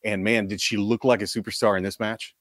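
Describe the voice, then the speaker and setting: A man's voice: lowish voice, a little fast, no room sound, studio quality. A man co-hosting a live wrestling recap podcast, talking casually with fillers and easy self-deprecating humor. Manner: relaxed, filler-heavy, laughing at own tech troubles. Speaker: podcast co-host.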